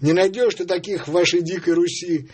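A man reciting his own comic poem on air in a measured, mock-solemn way. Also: high-pitched, a little mellow, slightly rough. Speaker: poet guest.

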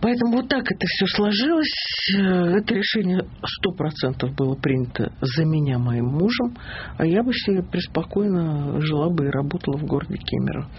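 An interview guest from the Kemerovo region of Russia tells her story unhurriedly and with confidence, her deep voice full of lively intonation. The audio is a little dull, with a faint hiss underneath.

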